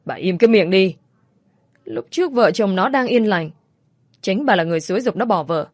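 A woman voicing a gruff older father who curtly scolds his wife. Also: medium pitch, lively intonation, brisk, no echo, clean studio sound, lightly acted. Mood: irritated.

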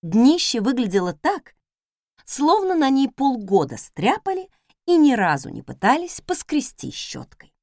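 A woman narrating a first-person fantasy audiobook in a lively, ironic storytelling manner. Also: sits high, a little slow, no room sound, studio quality. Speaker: audiobook reader.

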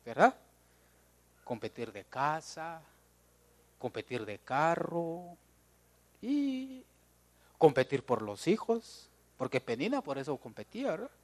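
A man's voice: a little high, big pitch swings, slow, long pauses. A man with a Guatemalan Spanish accent preaching a sermon in church, joking and talking straight to the congregation.

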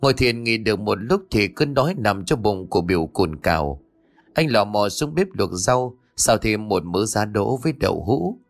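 A male audiobook narrator with a fairly low voice, telling a ghost story in a steady, even delivery. Soft music runs faintly under the voice-over. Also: normal speed, gravelly. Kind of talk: scripted narration. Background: faint background music.

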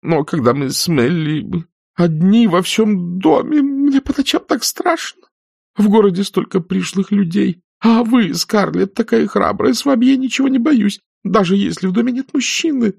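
A fainting, fretful old-maid aunt speaks in a high, quavering voice. Her speech wavers through a wide, swooping range. The sound is close and dry, with no room around it. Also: expressive, moderate pace, gravelly, darkish tone, slightly rough, no room sound, full character voice. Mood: tearful pleading. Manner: tremulous, moaning, tearful. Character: fluttery, faint-hearted middle-aged spinster aunt. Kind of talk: audiobook character voice.

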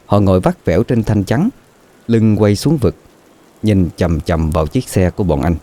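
A man narrating a scripted horror story in a slow, dramatic, suspenseful way. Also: low-pitched, warm tone.

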